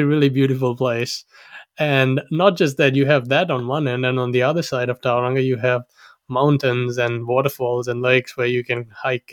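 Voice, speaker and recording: A young man from Sri Lanka in his twenties tells his own story in a relaxed, chatty way, often restarting his phrases and laughing along. His voice sits at an ordinary middle pitch and is recorded close and dry, with no room sound. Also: dry recording. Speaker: guest storyteller. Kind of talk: casual personal storytelling.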